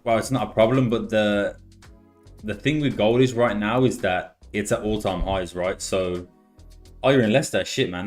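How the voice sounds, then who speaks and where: A man with a Birmingham accent softened by years in Australia, hosting a live stream in a casual, chatty way with many repeated words. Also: fairly low pitch. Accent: Birmingham English, softened by years in Australia. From Birmingham, England. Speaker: live-stream trading host. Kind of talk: casual live-stream chat and chart commentary.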